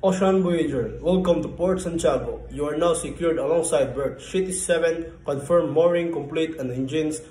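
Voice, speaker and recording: Formal and clipped, a man playing a port control operator gives instructions over a scripted marine radio call. His fairly high, mellow voice moves at normal speed with few pauses, captured in an echoey room with a faint hum.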